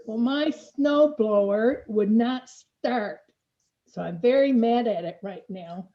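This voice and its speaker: An older woman, a computer trainer, chatting and telling lively stories on a video call. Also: a little high, slow pace. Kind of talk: casual chat on a video call. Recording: muffled lo-fi video call audio.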